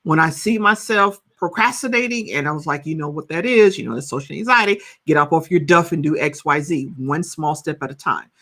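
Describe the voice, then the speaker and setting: A woman's voice: sits low, brisk, hardly any pauses. A woman in her fifties, a counselor and coach, talking animatedly in a podcast interview and often checking in with "right?". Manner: animated storytelling, rhetorical "right?".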